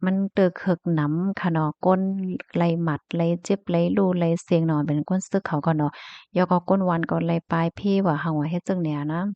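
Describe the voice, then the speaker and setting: A woman with a lowish voice talks through the news in a loose, chatty way, filling gaps with little sounds and the odd soft laugh. The recording is dry and a bit muffled. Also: fairly even intonation, fairly quick, no echo. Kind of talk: casual news chat reading comments.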